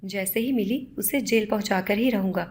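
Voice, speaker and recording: A woman's voice: medium pitch, a little mellow, husky, lightly acted. Woman voicing an angry accusing young man. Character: angry young man hunting a runaway maid.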